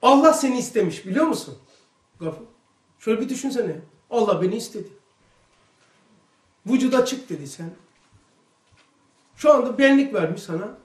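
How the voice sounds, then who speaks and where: A man giving a religious lesson to a small circle, telling stories in an animated, emphatic way. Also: high voice, brisk, pauses often. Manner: animated storytelling, emphatic outbursts. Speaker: religious study teacher. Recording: echoey room, mic far off.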